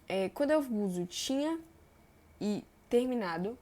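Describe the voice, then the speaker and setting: A young woman, teaching verb tenses in a chatty way and stretching example words slowly. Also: mid-range voice, animated, warm tone. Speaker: Portuguese grammar teacher. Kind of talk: explaining verb tenses on a board.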